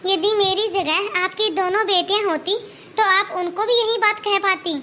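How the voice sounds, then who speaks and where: An earnest young married woman in a cartoon, voiced by a woman. Her voice sits very high and sounds sharp and bright. She talks with an earnest, reproachful tone. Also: fairly even intonation, normal speed, slight background noise. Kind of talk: Hindi cartoon voice acting.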